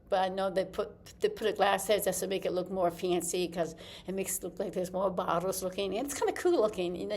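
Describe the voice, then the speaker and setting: A woman's voice: medium pitch, a little mellow. Chatty woman teaching on-camera acting. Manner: chatty, demonstrates with her body, trails off and restarts. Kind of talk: casual on-camera acting lesson.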